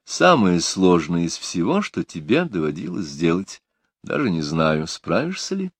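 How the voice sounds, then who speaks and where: A man's voice: low-pitched, huge pitch swings, unhurried, husky, no room sound, full character voice. A man voicing a sardonic older male boss in an audiobook, with a dry, ironic way of talking. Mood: mock-stern. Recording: dry close studio sound.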